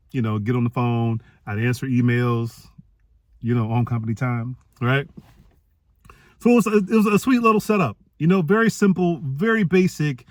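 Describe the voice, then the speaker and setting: A man telling a personal story to an audience, acting out the dialogue with lively jumps in his voice. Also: no echo. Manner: animated, acts out quoted dialogue with pitch jumps. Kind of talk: storytelling talk.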